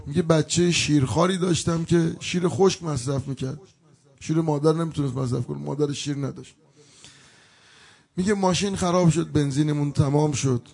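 A man's voice: on the high side, fairly even intonation, gravelly, darkish tone. A male preacher delivering a mourning sermon, telling a story with emotion and breaking into plaintive chanted elegy.

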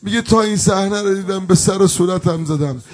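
A man's voice: high voice, a little mellow. A male preacher delivering a mourning sermon, telling a story with emotion and breaking into plaintive chanted elegy.

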